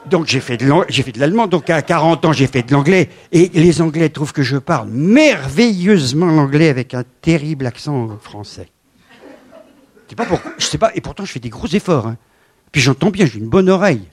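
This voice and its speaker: Man, 70s, animated lecturer with slides; bursts of emphasis and murmured asides, slightly high-pitched. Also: fairly quick. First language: French. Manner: animated, swings from loud emphasis to quiet asides.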